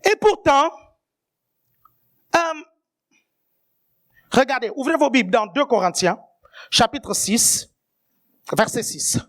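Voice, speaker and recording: A woman preaching a sermon with emphasis, often asking the congregation whether they are still following her and rising to shouted high points. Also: lively intonation, slow, pauses often.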